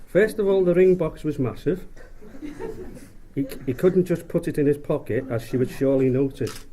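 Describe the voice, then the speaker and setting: A middle-aged man gives a rambling, jokey wedding speech as father of the bride, often repeating and restarting his phrases. His voice is a little high and warm, at a moderate pace.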